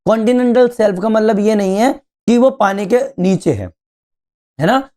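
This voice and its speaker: A male teacher giving an exam-prep geography lecture, explaining slowly, repeating key terms and often checking that students follow. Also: high-pitched, a little mellow. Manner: keeps asking students if they follow.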